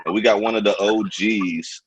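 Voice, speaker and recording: A man's voice: fairly low pitch, steady tone, normal speed, background noise. A man from Kansas hosting a casual video-call interview, laid-back and slangy with lots of fillers. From Kansas, American Midwest. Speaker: host.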